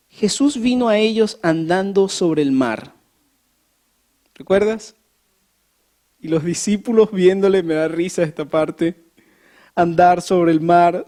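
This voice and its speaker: Lively preacher doing a church sermon, keeps asking the room questions, builds up the emphasis. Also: mid-range voice. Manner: animated, asks the congregation questions; acts out scenes with rising emphasis. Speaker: pastor.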